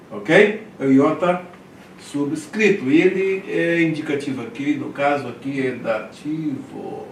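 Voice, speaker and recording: A man's voice: a little high, slow, vocal fry, slight background noise. A man teaching a classroom Greek lesson, drilling words one by one and checking in with his students. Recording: echoey room, mic at a distance.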